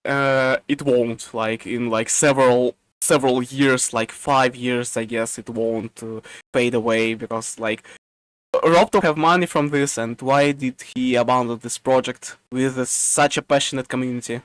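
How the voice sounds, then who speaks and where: Halting man with a smooth voice. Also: mid-range voice, fairly even intonation, no room sound. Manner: halting, many fillers and restarts. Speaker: podcast co-host. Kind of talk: casual chat.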